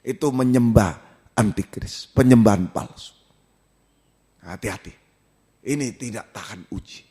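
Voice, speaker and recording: A man from Indonesia, preaching a sermon as pastor and asking the congregation questions, swinging from loud exclamations to low asides. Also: a little slow, long pauses, slightly rough.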